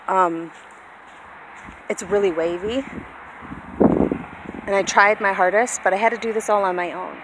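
Her voice is a bit bright and the recording is rough, as this woman vlogs casually outdoors amid windy noise. A hobby farmer, she talks informally and self-deprecatingly to viewers in a rambling way, holding her phone at arm's length in an open grassy yard, with a vehicle-like rumble also audible.

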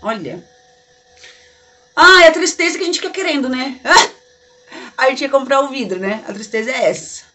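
A woman from Brazil talks straight to her viewers as friends while trying on makeup in her bedroom. Her voice sits a little high, and she gushes and chats freely in a casual beauty-vlog style. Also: expressive, moderate pace, pauses often, very noisy. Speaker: beauty vlogger. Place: bedroom at home. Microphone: camera mic in a bedroom.

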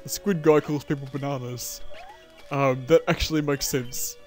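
A young man giving casual gameplay commentary as a let's play host, chatty and self-mocking, with frequent laughs and excitable outbursts. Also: mid-range voice, normal speed, soft background music.

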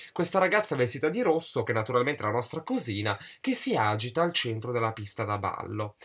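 Man, book review vlog, sarcastic, mocking, bright voice, lively pitch. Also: slightly rough. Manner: sarcastic, mocking, with sudden loud outbursts.

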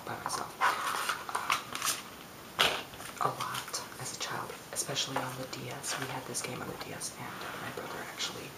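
A young man hosts a casual ASMR video in a soft, hushed voice that slips into whispering. His delivery is hesitant and rambling, with a gravelly fry. It is recorded a little way from a webcam mic in a small, echoey room. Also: mid-range voice. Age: young adult. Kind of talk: softly spoken ASMR, casual show-and-tell. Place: small room at home, indoors. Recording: roomy, slightly distant webcam sound.

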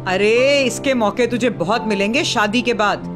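An actress playing a bustling, motherly middle-aged auntie in a dubbed TV drama, brisk and chiding. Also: a little high, music in the background, close to an everyday voice.

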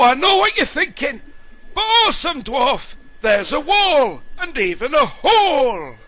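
A loud dwarf taskmaster for a cartoon video game, pitched very high and piercingly bright. He bosses and scolds his diggers in slow, hectoring instructions that swoop up and down. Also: exaggerated voice. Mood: scolding. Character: loud, bossy, ale-loving dwarf mine taskmaster. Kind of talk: cartoonish game tutorial acting.

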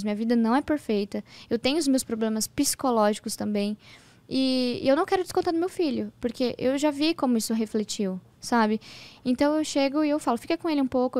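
A quick, animated Brazilian woman in her thirties, chatting candidly on a podcast. Her voice sits a bit high, and she acts out the dialogue as she tells her stories. The close, dry mic carries no room sound. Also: no echo. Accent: Brazilian Portuguese. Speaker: podcast guest. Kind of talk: casual chat.

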